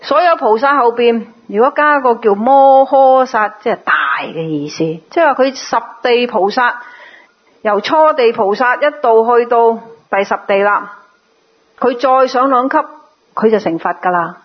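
Woman, Buddhist sermon, patient explaining, slightly high, a bit husky. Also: measured pace, dull audio. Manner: explains patiently, sometimes mimics others in a lively voice. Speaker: Buddhist teacher.

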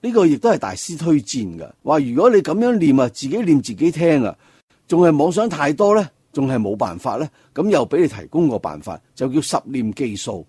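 A man, a Buddhist monk, giving a slow and deliberate dharma talk that explains how to recite. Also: fairly high pitch, sing-song, warm tone, breathy edge, dry recording, studio quality.

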